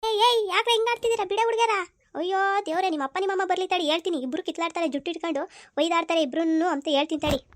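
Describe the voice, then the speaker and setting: A young girl voicing an exasperated grandmother who scolds two quarrelling sisters, with a high, strained old-woman voice. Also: fairly even intonation, rapid-fire, dry recording. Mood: scolding. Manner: fussy and exasperated. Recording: clear background noise.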